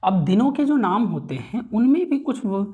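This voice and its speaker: A man teaching pronunciation, repeating words slowly and checking that students follow. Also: sits high, big pitch swings, husky, phone-quality sound. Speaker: English teacher. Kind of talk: Hindi-English spoken lesson.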